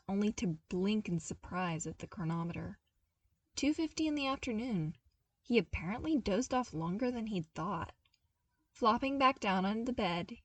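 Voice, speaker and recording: A woman with a fairly low voice narrates fan fiction as a podfic reader, giving expressive scripted story narration. The mic sounds slightly distant, though there's no echo.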